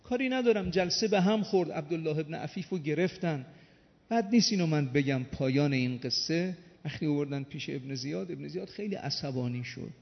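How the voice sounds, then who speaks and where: A man delivers a religious sermon in a fairly high voice, drawing out dramatic lines slowly and swelling at key moments. The dull lo-fi recording carries a long reverb from a large hall. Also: lively intonation, gravelly. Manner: dramatic storytelling, slow emphatic swells. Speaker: preacher.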